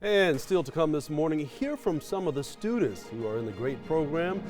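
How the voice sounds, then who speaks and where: Give me a man presenting a public affairs show with a smooth announcer delivery and faint music behind. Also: a little high, expressive, normal speed. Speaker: program host. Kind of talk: scripted presenting.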